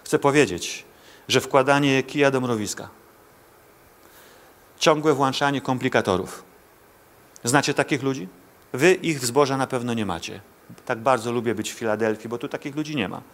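A man's voice: medium pitch, moderate pace, long pauses, a bit bright. A male pastor preaching a sermon to a congregation in church, speaking directly to listeners, pleading and asking rhetorical questions.

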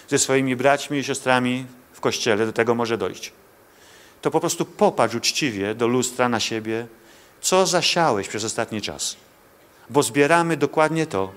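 Man preaching a pleading sermon. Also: mid-range voice. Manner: direct, pleading, with rhetorical questions to the congregation. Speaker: pastor. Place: church before a congregation.

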